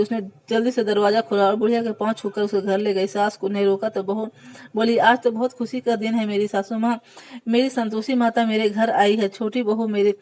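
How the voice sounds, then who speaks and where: A woman reading a devotional fasting tale aloud, at a steady pace that often stumbles and corrects itself. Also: medium pitch, low-quality recording. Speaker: devotional storyteller.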